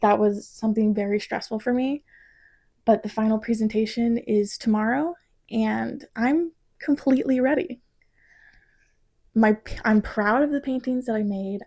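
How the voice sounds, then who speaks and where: A woman in her twenties, a design student from Missouri, talking about her project in a reflective vlog, halting and emotional at times. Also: mid-range voice, warm tone.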